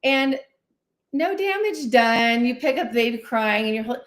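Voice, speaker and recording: Her voice slightly high and animated at a normal pace, the guest therapist, a licensed clinical social worker, chats through explanations in a livestream interview, playing out inner dialogue and frequently adding "right?". The recording has an echoey, roomy sound.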